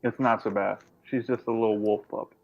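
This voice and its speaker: A man running a tabletop game as game master, describing scenes in an unhurried way. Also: lowish voice, fairly even intonation, creaky, dry recording. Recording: tinny phone-like line.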